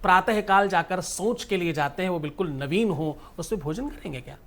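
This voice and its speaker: A man's voice: high voice, a little fast. A middle-aged man, a religious guru, answering an interviewer in an emphatic, preaching way, firing rhetorical questions and scorning his critics.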